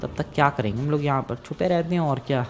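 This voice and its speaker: Young man doing excitable game commentary. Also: a little high, fast talker. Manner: hushed whispering that bursts into loud excited shouting. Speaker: gaming YouTuber. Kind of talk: game role-play commentary.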